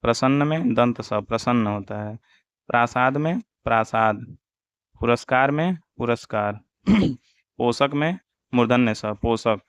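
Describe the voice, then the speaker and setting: A man teaching Hindi spelling for an exam, slowly reciting wrong and correct forms one after another. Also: mid-range voice, clean tone, no echo. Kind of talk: exam-prep spelling lesson. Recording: dull, dry lo-fi audio.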